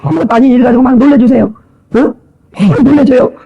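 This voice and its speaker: A man's voice: very high voice, quick pace, lo-fi sound. A male pastor preaching a sermon in a church, joking with the congregation and mimicking people's voices.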